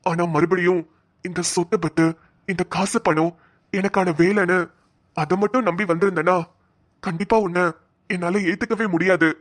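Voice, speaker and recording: Voice actor doing a firm young tamil husband in a cartoon, mid pitch, dry close mic. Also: steady tone, moderate pace, pauses often, dry recording, natural voice. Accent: Tamil Nadu colloquial Tamil. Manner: earnest, questioning, firm. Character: earnest, principled young husband.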